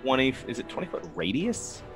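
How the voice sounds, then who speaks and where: A man playing a tabletop game, talking casually and haltingly as he works out his move. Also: medium pitch, huge pitch swings, fairly bright tone, faint music behind. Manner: halting, working things out as he speaks. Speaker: player in a tabletop RPG. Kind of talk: casual table talk, thinking aloud.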